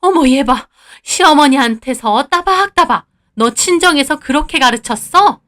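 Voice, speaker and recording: A woman voicing an older, quick-tempered mother-in-law who scolds and sneers. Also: sits high, animated, a bit bright. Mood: furious.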